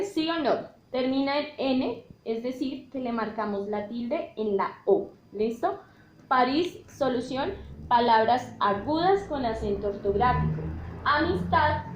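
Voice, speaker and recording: A woman teacher, explaining step by step in a classroom style and checking in with her students often. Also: high voice. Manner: checks in with "¿listo?" often, spells out letters. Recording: echoey room with faint noise.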